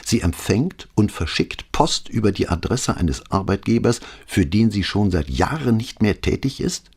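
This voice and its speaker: A man's voice: lowish voice, animated, normal speed, darkish tone, breathy edge, pitched above the performer's own voice. A man voicing an inquisitive middle-aged police commissioner who presses with incredulous questions in an audiobook. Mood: questioning.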